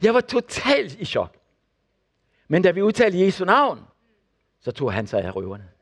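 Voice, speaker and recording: An older man preaching, telling testimony stories and acting out the people in them. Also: high-pitched. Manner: animated storyteller acting out the people in his stories. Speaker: preacher and former missionary. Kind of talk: sermon testimony.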